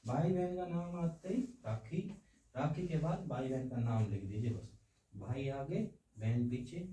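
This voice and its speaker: Heard from a distance in an echoey room, a man with a warm voice on the high side teaches science. He leans on playful, homely analogies and keeps checking that his students are following.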